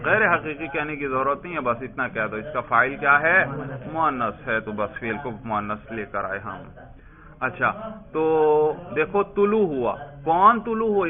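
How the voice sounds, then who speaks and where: Man teaching grammar over a tinny line. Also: medium pitch. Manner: quizzing, prompting students for answers; addresses listeners as brother. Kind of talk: classroom lesson with questions to students. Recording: tinny phone-like lo-fi recording.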